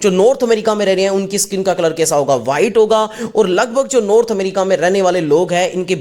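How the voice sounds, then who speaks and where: A man's voice: high voice, fast, darkish tone. A male teacher giving a casual exam-prep lecture, asking and answering his own questions as he goes. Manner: mixes English terms into Hindi speech.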